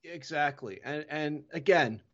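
A man's voice: fairly high pitch, unhurried, fairly bright tone, highs cut off. A man hosting a hockey podcast in casual chat, often correcting himself mid-sentence. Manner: rambling, self-correcting.

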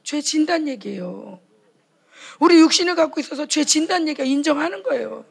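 Brief: high-pitched woman with a gravelly edge, fervent preacher who slips into acted-out exchanges. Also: animated, a little fast. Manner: impassioned, acts out quoted dialogues. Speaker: speaker at a retreat for pastors' wives. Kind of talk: sermon.

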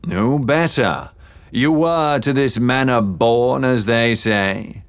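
A man voicing a smug, leering aristocratic gentleman in an audiobook, drawling and mocking. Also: on the low side, big pitch swings, extremely slow, exaggerated voice. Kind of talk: audiobook character voice.

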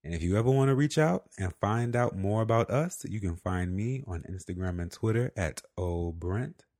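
A man's voice: on the low side, animated, normal speed, a little mellow, no room sound, clean studio sound. A man co-hosting a podcast, talking in an earnest, reflective way with casual fillers. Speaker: podcast co-host.

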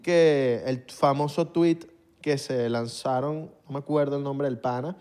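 A man's voice: mid-range voice, fairly even intonation, measured pace, a little mellow, clean tone. A man with a Venezuelan accent, co-hosting a podcast in slangy, playful, joking casual chat into a studio microphone. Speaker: podcast co-host.

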